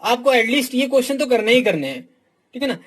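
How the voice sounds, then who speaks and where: A man with a very high, fairly bright voice, a breathy edge, and big pitch swings talks quickly while reviewing books for exam students in a casual lesson. He's blunt and frank, calls them "my dear", and attaches "ठीक" (theek) to almost every phrase.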